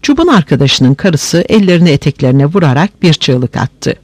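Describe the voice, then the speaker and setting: A man narrating a story aloud in an expressive, animated way. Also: fairly high pitch, brisk, dry recording.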